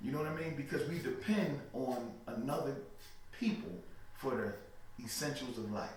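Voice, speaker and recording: Lively intonation marks this man's medium-pitched voice, and he speaks at normal speed. He's a guest in an interview, answering emphatically and preachily on religious matters while often adding "you know what I mean." There's room echo, a distant mic, and faint noise.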